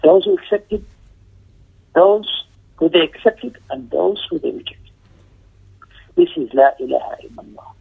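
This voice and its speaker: Over tinny, telephone-like audio, a religious teacher gives an Islamic lesson, commenting on a text in a high, sing-song voice that is creaky and slightly rough. He speaks unhurriedly and pauses often. His delivery is emphatic, full of repeated phrases and rhetorical questions, with shifts into Arabic recitation.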